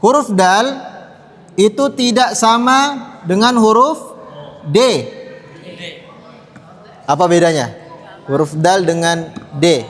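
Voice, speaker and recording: A man's voice: sits high, slow, long pauses, a bit bright. A man teaching a Quran pronunciation lesson to children, patiently drilling sounds and having the class repeat after him. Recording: long hall reverb.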